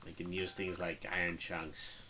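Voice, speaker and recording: A man's voice: low voice, level tone, a little slow, noisy background. A man giving casual, understated commentary as he plays a game, half talking to himself. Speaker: gamer narrating a playthrough. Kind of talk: casual game commentary, reading dialogue aloud.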